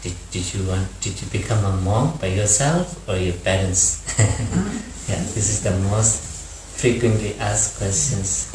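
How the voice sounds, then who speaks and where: A man from Nepal, a Buddhist monk, giving a dharma talk in careful, halting English with many pauses and fillers. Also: on the low side, lively intonation, darkish tone. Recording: roomy, distant mic with audible ambient noise.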